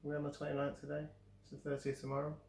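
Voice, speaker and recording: A man's voice: fairly high pitch, monotone, very fast, creaky, darkish tone, a little hiss or hum. A man hosting a casual movie review chat, talking hesitantly with frequent restarts. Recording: roomy echo.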